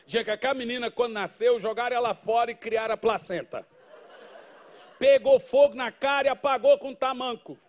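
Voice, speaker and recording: A man, a pastor telling a funny testimony in a sermon, animated, with loud bursts of exclamation. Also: very high voice, moderate pace. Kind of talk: humorous preaching testimony.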